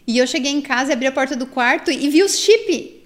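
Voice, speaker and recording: High-voiced Brazilian woman telling her story. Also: brisk. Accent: Brazilian Portuguese. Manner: animated, quotes others' words in voices. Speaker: interview guest. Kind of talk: candid personal storytelling.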